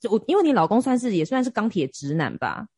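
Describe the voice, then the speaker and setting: A woman podcast host who chats casually and drops in quick, teasing reactions. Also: mid-range voice, sing-song, a little mellow, breathy edge, no echo, clean studio sound.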